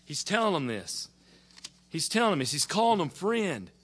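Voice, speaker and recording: A pastor preaching a sermon, stumbling over repeated words and climbing to fervent emphasis. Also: male voice, on the high side, very animated, normal speed, a bit bright.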